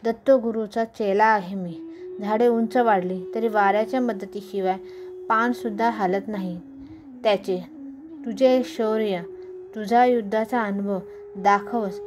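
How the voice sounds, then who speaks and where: A woman's voice: mid-range voice, steady tone, measured pace, music in the background, lightly acted. A woman reading as a bold, defiant male sage. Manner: firm, challenging. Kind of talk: devotional scripture reading.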